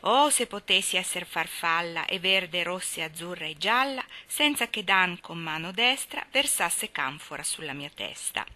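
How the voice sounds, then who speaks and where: A woman's voice: fairly low pitch, expressive, a little slow, hardly any pauses, sharp tone. A woman voicing a small boy who recites his own poem with a solemn, self-important air.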